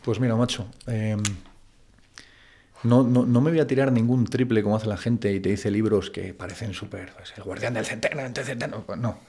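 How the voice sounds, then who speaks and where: A man from Spain with a Madrid accent is a guest in a casual interview chat. He speaks in a low, steady, warm voice at a moderate pace, bluntly and colloquially, full of "tío" and "macho."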